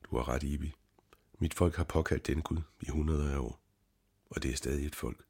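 A calm young scholar, read out by a man answers softly and reasons his way through each point in an audiobook. The voice is extremely low and husky. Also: heavily acted. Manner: gentle, measured and reasoning. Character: young male scholar, calm, gentle and steady. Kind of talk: audiobook reading.

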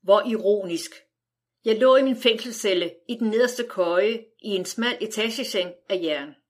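A woman narrates a first-person audiobook. Her delivery is wry and measured, and she tells the story steadily. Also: medium pitch.

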